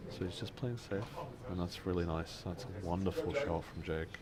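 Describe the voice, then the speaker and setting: Deep-voiced pool commentator. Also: male voice. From Scotland. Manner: measured, analytical shot-by-shot remarks. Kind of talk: live sports commentary. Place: busy pool venue. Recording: crowd noise in a venue. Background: crowd chatter.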